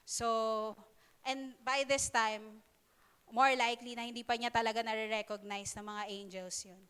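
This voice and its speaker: Young female preacher, high smooth voice, loose conversational delivery with fillers and asides. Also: steady tone, a bit bright. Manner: conversational, halting, with many fillers and playful asides. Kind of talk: sermon in Taglish.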